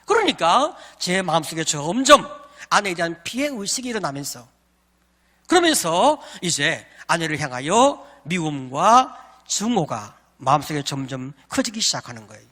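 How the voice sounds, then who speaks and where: A man's voice: on the high side, normal speed, big-room sound. A middle-aged man, a professor, giving a lecture on marriage and telling a personal story, acting out his own thoughts as he goes. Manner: animated storyteller, acts out inner thoughts.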